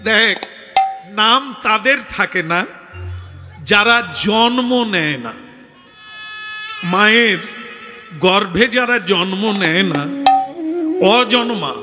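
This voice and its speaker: A man's voice: very high-pitched, big-room sound. A man telling a devotional story in kirtan style, dramatically voicing the characters. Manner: dramatic, switches between voices of characters.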